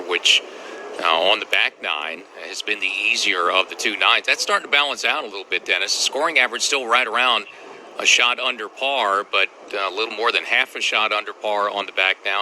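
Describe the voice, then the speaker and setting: A man's voice: fairly low pitch, bright, forceful tone, a little hiss or hum. A man anchoring golf coverage with sports commentary and hand-overs. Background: music.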